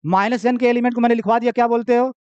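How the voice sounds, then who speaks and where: A man's voice: very high-pitched, fairly even intonation, rapid-fire, a little mellow, clear, resonant tone, no echo, dull audio. A young man teaching university maths in Hindi in a chatty lecture style, with joking asides, who keeps asking "theek hai?". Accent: Hindi, Uttar Pradesh. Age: young adult. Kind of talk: classroom lecture.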